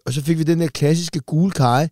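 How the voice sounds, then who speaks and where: A man co-hosts in loose, crude banter, blunt and joking throughout. His voice sits slightly high but has a dark, mellow colour. The studio sound is dry and close. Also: fairly even intonation, no echo. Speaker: podcast co-host, comedian. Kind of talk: casual banter.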